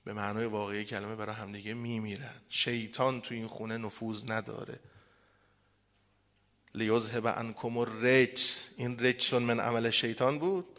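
Guy cleric giving a sermon, fiery then hushed and mournful, long hall echo. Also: lowish voice, level tone. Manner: impassioned preaching, then softer mournful recitation.

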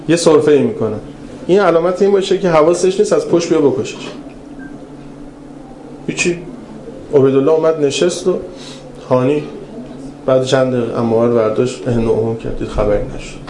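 A man preaching a religious lecture, telling stories in an animated way that swings between raised and hushed passages. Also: medium pitch, long pauses, a little hiss or hum. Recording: roomy hall with faint ambience.

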